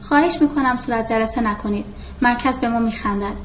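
A woman's voice: on the high side, a little hiss or hum, lightly acted. Audiobook colonel: proud, hot-tempered man, scornful and menacing, read by a woman, dull lo-fi sound. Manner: scornful, threatening. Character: haughty quick-tempered male army colonel. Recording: roomy, dull lo-fi recording.

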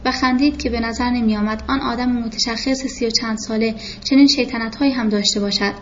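Woman narrating a novel, fairly high voice. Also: steady tone, lo-fi sound, slight background noise. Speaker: audiobook narrator.

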